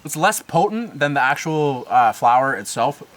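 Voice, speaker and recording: A man's voice: mid-range voice, big pitch swings, normal speed, fairly bright tone. A man from Canada hosting a casual outdoor cooking vlog, upbeat and full of slang. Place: outdoors on a beach.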